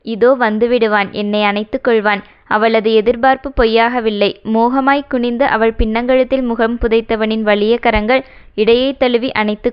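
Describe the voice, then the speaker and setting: A woman reading a romance novel aloud as an audiobook narrator, in a steady storytelling manner. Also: on the high side, clean tone, highs cut off.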